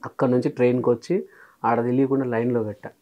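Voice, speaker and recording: A man's voice: mid-range voice, muffled recording. A man in his thirties, a comedian and mimicry artist, telling stories as an interview guest. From Telangana, India. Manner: lively storyteller, quick, acts out quoted lines. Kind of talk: casual interview chat.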